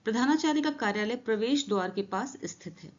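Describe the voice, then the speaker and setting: A woman teaching English vocabulary, reading example sentences slowly and explaining quickly. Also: fairly high pitch, animated, highs cut off. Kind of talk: vocabulary lesson.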